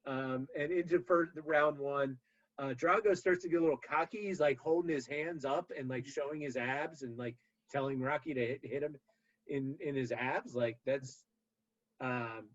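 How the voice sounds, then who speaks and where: A man's voice: mid-range voice, normal speed. Rambling male podcast host, dull audio. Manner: rambling, many fillers and restarts. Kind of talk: casual movie rewatch podcast chat.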